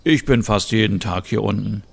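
A man voicing a kind, quirky young man in a calm, easygoing manner. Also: fairly low pitch, moderate pace, gravelly, breathy edge. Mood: friendly. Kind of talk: voicing characters in a narrated story.

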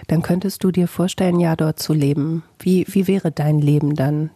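Interviewer, woman, husky mellow voice, gently probing, dry close sound. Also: sits low, fairly even intonation, moderate pace, no room sound. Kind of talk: personal interview.

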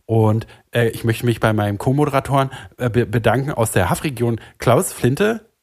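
A man's voice: medium pitch, moderate pace, darkish tone. A man co-hosting a podcast, playing a nervous trainee in a comedy bit, stammering and flustered. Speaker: podcast co-host.

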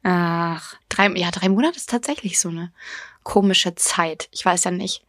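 A young woman co-hosting a podcast in casual chat, a lively storyteller who laughs easily. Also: lowish voice, measured pace, no room sound, clean studio sound. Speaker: podcast co-host.

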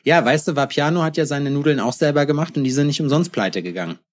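Lively young man joking on a podcast. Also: fairly high pitch, quick pace. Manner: joking, animated storyteller. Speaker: podcast host. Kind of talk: casual chat.

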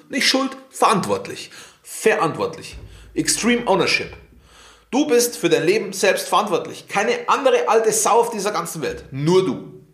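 A man's voice: high voice, fairly bright tone. A man giving a blunt motivational monologue, swearing freely and firing questions at himself and the listener. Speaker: podcast host. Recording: echoey room.

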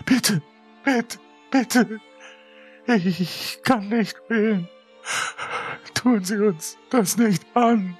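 A man's voice: sits high, very slow, pauses often, slightly rough, faint music behind, voice pushed up, heavily acted. A man voicing a sobbing, terrified mother. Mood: begging. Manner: desperate begging, stammering.

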